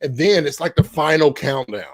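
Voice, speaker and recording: This middle-aged co-host has a fairly high pitch and lively intonation at normal speed, with no room sound. Upbeat and casual, he talks into a podcast mic from a corner of his home, using lots of fillers and restarts.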